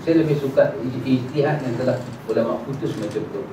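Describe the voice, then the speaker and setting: A man giving a religious lesson in a prayer hall and answering questions, acting out little dialogues in a casual, lively way. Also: medium pitch, brisk. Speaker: religious teacher. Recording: echoey hall, distant mic, dull, noisy.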